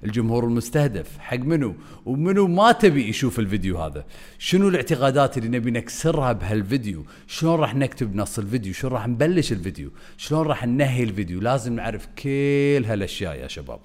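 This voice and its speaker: Very fast-talking man. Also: medium pitch. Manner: energetic, swings voice up and down on purpose. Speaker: content creation coach. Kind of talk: video lesson to camera.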